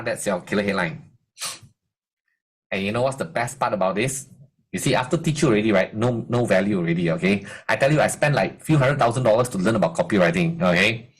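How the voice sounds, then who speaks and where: Husky man coaching live. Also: mid-range voice. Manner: energetic, rhetorical quiz questions to the audience. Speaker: marketing coach. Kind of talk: live online masterclass.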